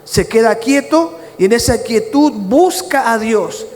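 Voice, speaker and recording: A pastor preaching a sermon, swinging from impassioned near-shouting to low, quiet prayer. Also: male voice, expressive, a little slow. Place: church. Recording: reverberant church hall with faint ambience.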